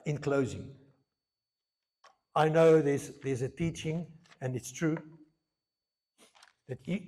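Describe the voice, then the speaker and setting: Bilingual pastor preaching. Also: male voice, a little high, dark tone. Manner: switches between Afrikaans and English mid-sentence, earnest, repeats phrases. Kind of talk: sermon.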